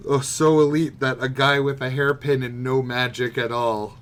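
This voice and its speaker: Against noticeable background noise, a man co-hosting a podcast jokes around about manga, sarcastic, dry, and profane. His mid-range voice is level and fairly bright, at a normal speed.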